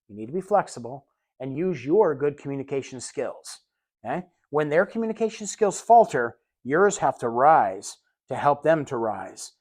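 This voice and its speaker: A man teaching a caregiver training class, talking casually with lots of fillers and asides, at times slowing down to show exaggerated lip movement. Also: a little high, a little mellow. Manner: demonstrates slow exaggerated enunciation. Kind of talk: recorded classroom lecture.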